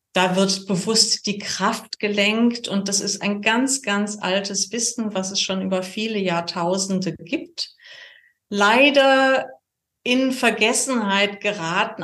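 Slow, cheerful woman from Cologne. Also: medium pitch. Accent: Cologne German. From Cologne, Germany. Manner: cheerful, explanatory, with many fillers. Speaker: geomancy guest. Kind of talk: podcast interview. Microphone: camera set-up.

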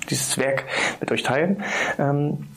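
A man talks through a podcast episode in a relaxed, unscripted way. He sounds enthusiastic and encouraging, and often stops on an um or restarts a sentence. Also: a little high, takes it slowly, gravelly. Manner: chatty, with frequent ums and restarts. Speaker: podcast host. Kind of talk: casual podcast monologue, book recommendation.

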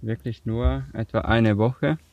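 A man with a Swiss German accent, co-hosting a casual chat over a remote call, relaxed and laughing easily. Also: mid-range voice, measured pace, dry recording, dull audio. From Switzerland. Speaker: podcast co-host. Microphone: remote call with weak connection.

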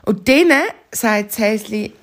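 A woman in her thirties with a St. Gallen Swiss German accent, telling an improvised story to her child in an animated way. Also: medium pitch, slow pace. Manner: lively, animated narration with doing voices.

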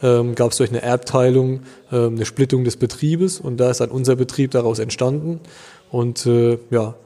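Thirtysomething german winemaker guy, flat mellow voice, lots of ums, reverby room. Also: mid-range voice, normal speed. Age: 30s. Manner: relaxed, hesitant with many fillers. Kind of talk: casual interview answers.

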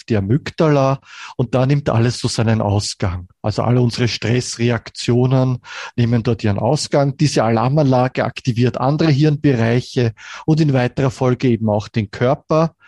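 Measured Viennese man, dry close sound. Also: medium pitch, no echo. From Vienna, Austria. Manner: measured, calmly explaining with examples. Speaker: guest, brain researcher. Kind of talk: explanatory interview answers.

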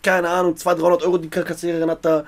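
Young guy rapping about money, slangy, quick talker, bit of a higher voice. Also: completely flat delivery. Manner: slangy, says "Bruder" constantly, laughs often. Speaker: rapper guest. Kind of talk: casual chat.

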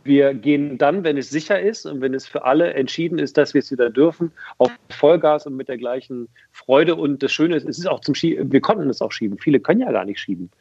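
Man, 30s, podcast guest, husky, slightly high voice, casual chatty delivery, frequent restarts, dry slightly dull recording. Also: fairly quick, few pauses, no room sound. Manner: lively, talkative, many restarts and fillers. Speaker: guest, event presenter.

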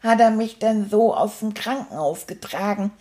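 A woman's voice: mid-range voice, moderate pace, a little mellow, lightly acted. A woman voicing a cheerful, cheeky male stuffed toy rat, retelling events in a chatty, rambling, fond way. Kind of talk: first-person storytelling.

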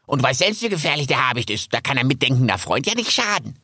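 A man playing a bossy, cheerful young squirrel in a storybook audiobook. His bright, slightly husky voice swings up and down as he chatters along. The sound is dry and close. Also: medium pitch, fast talker, no echo, heavily acted. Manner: lively, chatty, persuasive.

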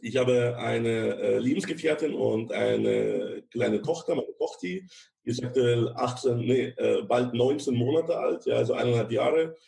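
A man in his thirties, born in Ukraine, talks casually as an interview guest. His mid-range voice has a gravelly edge, and he scatters fillers through his sentences, often closing a thought with a quick "ja.". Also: medium pitch, warm tone. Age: 30s. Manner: many fillers, chatty, ends phrases with "ja". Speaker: podcast guest, insurance broker.

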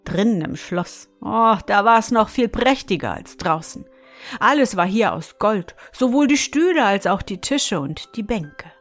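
A woman reading a fairy tale aloud, expressive and addressing the listener with little asides. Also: medium pitch, a little slow, faint music behind. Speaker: storyteller.

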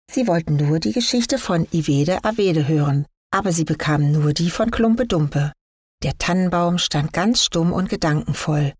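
A woman reading a fairy tale aloud in a calm, measured storytelling manner. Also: on the low side, husky, no echo, clean studio sound. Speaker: story reader.

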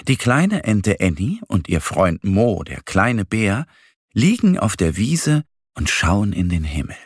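A man narrating a children's bedtime story in a slow, gentle, expressive way. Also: on the low side, slightly rough, no echo, clean studio sound.

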